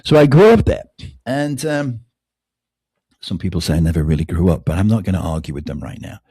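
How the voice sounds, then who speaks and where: A man's voice: sits low, very animated, a little fast, warm tone, husky. A middle-aged man from England, hosting a podcast in a casual, joking, self-mocking monologue full of rhetorical questions. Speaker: podcast host.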